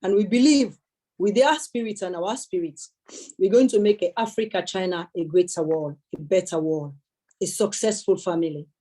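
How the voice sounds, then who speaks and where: A woman's voice: lowish voice, normal speed, dark tone. A young woman giving an earnest public speech at a celebration, emphatic, repeating her key words and thanking many people. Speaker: speaker at a celebration event.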